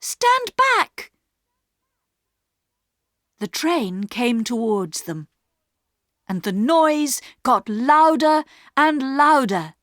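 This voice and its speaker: A woman narrating a story in slow, clearly paced English for learners. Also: fairly high pitch, expressive, dry recording, studio quality. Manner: clear, carefully paced reading.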